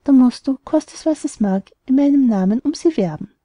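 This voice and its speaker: A woman's voice: high voice, animated, fairly quick, dark tone, no room sound. A woman voicing a lovesick, stubborn young man in an audiobook, delivering rhymed verse earnestly. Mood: determined.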